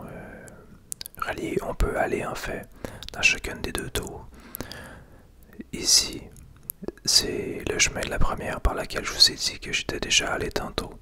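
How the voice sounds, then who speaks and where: In a hushed, breathy, unvoiced whisper, a Quebec-born man with a Québécois French accent narrates his video game play as ASMR. His commentary is casual and unhurried throughout.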